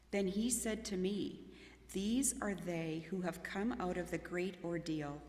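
A woman leading a responsive psalm and reading scripture aloud in a church service, in a measured way. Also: lowish voice, darkish tone. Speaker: scripture reader. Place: church sanctuary. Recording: echoey church hall reverb.

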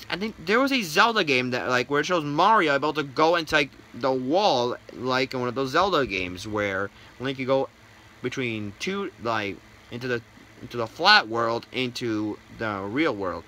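A man hosting a casual gaming news vlog, excitable and rambling, with many restarts and false starts. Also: medium pitch. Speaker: gaming YouTuber.

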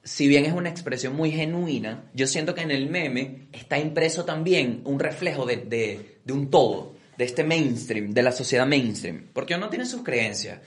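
Animated Venezuelan man joking on a podcast. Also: medium pitch, normal speed, few pauses. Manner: animated, acts out characters and laughs often. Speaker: podcast co-host. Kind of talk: casual comedic chat. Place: in front of a live audience.

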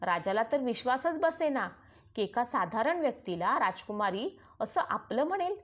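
A woman narrating a traditional moral tale in a calm, even storytelling manner. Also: on the high side, moderate pace.

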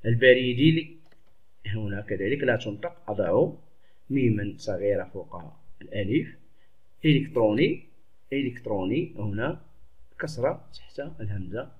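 A male teacher explaining a lesson to pupils, patient and explanatory, repeating words slowly. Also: on the low side, animated. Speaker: Arabic teacher. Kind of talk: classroom lesson. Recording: dull lo-fi recording.

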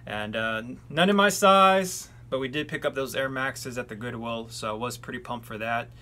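A man in a relaxed, chatty recap to camera, joking at his own slips, sitting in a vehicle. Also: mid-range voice, normal speed. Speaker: sneaker reseller vlogger.

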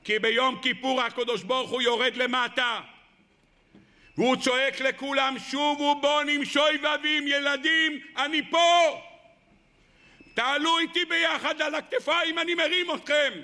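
A male preacher voicing a loving divine father who calls his children home in a pleading, loud voice during a sermon. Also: very high voice, flat delivery, in a large hall, full character voice. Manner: pleading, calling out loudly.

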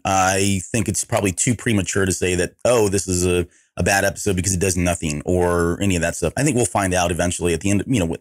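Hoarse man hosting a podcast. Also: deep voice, no room sound, studio quality. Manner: rambling, self-correcting, relaxed. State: hoarse from allergies. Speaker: podcast host. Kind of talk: casual podcast chat.

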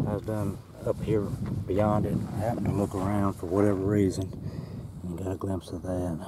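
A man with a deep voice casually shows his artifact finds to a handheld camera near the ground outdoors, musing in short, plainspoken, folksy phrases. The camera mic picks up heavy background noise, including radio music.

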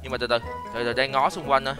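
A young man hosting a game video, chatting playfully in role and excitedly repeating words. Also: medium pitch, fast, faint music behind. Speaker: gaming channel host.

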